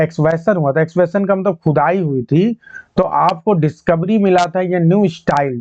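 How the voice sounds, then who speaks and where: A man's voice: a little high, darkish tone, no room sound. Man teaching an exam-prep lecture. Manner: explanatory, repeats key points, quizzes students. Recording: dull muffled lo-fi sound.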